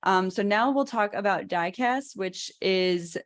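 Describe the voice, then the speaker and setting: A woman's voice: mid-range voice, measured pace. A woman with a Chicago accent in her thirties, hosting a casual talk about becoming a dietitian, chatty with many fillers and restarts. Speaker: host, dietitian educator.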